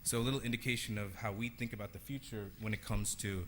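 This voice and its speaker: A man's voice: lowish voice, fairly even intonation, quick pace, fairly bright tone, slight background noise. A man from Sri Lanka giving an earnest conference talk, with many fillers and restarts. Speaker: conference keynote speaker.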